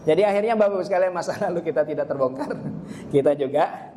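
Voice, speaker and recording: A middle-aged religious teacher lectures a gathering on raising children, his voice pitched a little high. He often turns to the listeners and acts out short quotes of parents and kids. Faint room ambience sits behind him. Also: quick pace, mellow, a little hiss or hum.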